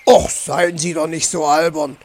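A man's voice: sits high, slow pace, creaky, breathy edge, full character voice. A man voicing a grumpy, stingy male fox uncle in a children's audiobook, talking in an indignant grumble. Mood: grumbling.

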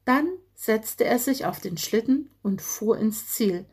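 A woman calmly reading a children's story aloud. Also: fairly high pitch, takes it slowly, husky. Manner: calm, gentle reading.

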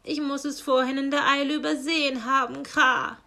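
Woman playing a croaking raven postman. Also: sits high, fairly even intonation, pitched above the performer's own voice, full character voice. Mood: complaining. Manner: loud croaks, quick indignant outbursts.

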